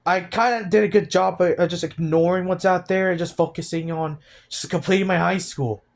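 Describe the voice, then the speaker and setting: An eighteen-year-old man talking about his feelings in a personal vlog, halting and downcast, often restarting his sentences. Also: high-pitched, fairly even intonation, gravelly. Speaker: vlogger.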